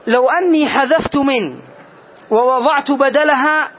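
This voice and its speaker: High-voiced man teaching grammar, lo-fi. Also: unhurried, a little hiss or hum. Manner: patient, repeats key phrases. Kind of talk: classroom lesson. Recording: dull lo-fi recording.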